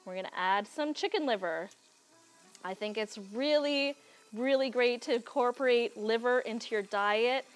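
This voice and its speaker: Soft background music plays as a young woman from Serbia speaks at a moderate pace in a voice on the high side. She's hosting a cooking show on a studio kitchen set, chatting casually, laughing often, and wandering into family stories while cooking.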